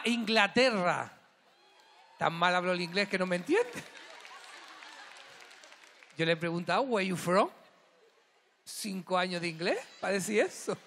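A man's voice: high-pitched, sharp tone. A man hosting a live gala, joking and teasing the audience in a camp way. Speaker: gala host. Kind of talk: live stage banter with the audience. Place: large hall at a live gala. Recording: echoing hall, crowd noise.

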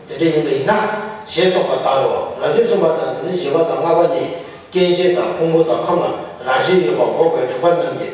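Man, lama teaching, halting delivery, chuckles often, pitched a bit high, booming distant hall sound. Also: a little mellow, slight background noise. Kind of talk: religious teaching. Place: large monastery teaching hall. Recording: echoey hall from far off.

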